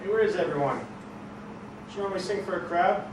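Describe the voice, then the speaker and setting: A man's voice: high voice, moderate pace, background noise, natural voice. A young man playing a cocky clueless private eye. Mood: smug. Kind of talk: amateur comedy film acting. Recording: roomy, from a distance, with music.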